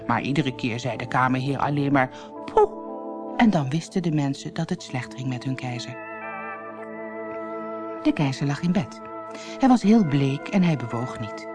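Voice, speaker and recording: A woman with a low voice tells a children's fairy tale, her pitch rising and falling with the story. She reads clearly and expressively, as in an audiobook. Music plays softly behind her. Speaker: audiobook reader. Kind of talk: storybook narration. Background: soft music.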